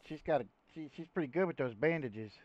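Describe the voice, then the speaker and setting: A man's voice: on the high side, expressive, quick pace, darkish tone. A man in a roleplay game making wisecracking, jokey asides, heard through a dull, lo-fi microphone. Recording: dull dry lo-fi mic.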